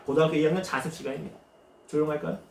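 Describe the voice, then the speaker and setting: A man's voice: a little high, steady tone, racing, gravelly. A male pastor preaching a Sunday sermon, asking rhetorical questions and acting out quotes. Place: church sanctuary. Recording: echoey church room, faint noise.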